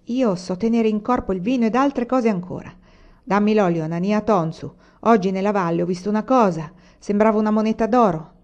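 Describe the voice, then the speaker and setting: A woman's voice: mid-range voice, brisk, darkish tone, highs cut off, natural voice. A woman reading aloud, voicing a brash, tipsy village woman who scolds and taunts the men around her. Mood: taunting.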